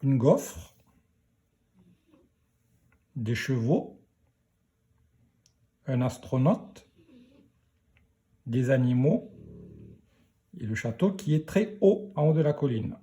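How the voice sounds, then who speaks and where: A man teaching young children to read, sounding out syllables slowly and deliberately. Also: medium pitch, mellow. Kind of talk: reading lesson for young children.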